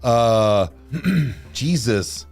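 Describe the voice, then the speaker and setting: A mid-pitched man co-hosts a casual live stream, talking loosely and bluntly. He swears freely while telling stories, and faint music plays behind him. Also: expressive, extremely slow, a little mellow. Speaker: co-host.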